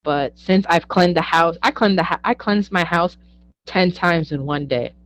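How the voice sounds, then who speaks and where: A woman's voice: lowish voice, normal speed, no echo, poor audio. A young woman, a psychic medium guest, telling stories in a casual interview and acting out the quoted dialogue. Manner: animated, acts out quoted dialogue, laughs often.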